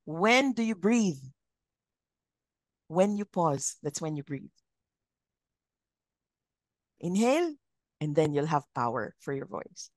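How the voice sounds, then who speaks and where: Middle-aged Filipino woman, corporate facilitator; lowish, modulated, steady delivery, questions the room often. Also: no room sound. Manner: uses a modulated, measured trainer voice; interactive, asks learners questions. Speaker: communication trainer. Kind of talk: live training session, mixing English and Filipino.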